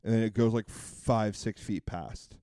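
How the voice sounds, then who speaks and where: Guy rambling thru a story, kinda low voice, lots of um and like, dry close sound. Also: steady tone, unhurried, mellow, clear, resonant tone, no echo. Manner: rambling, full of fillers and restarts. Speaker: podcast co-host. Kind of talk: casual storytelling chat.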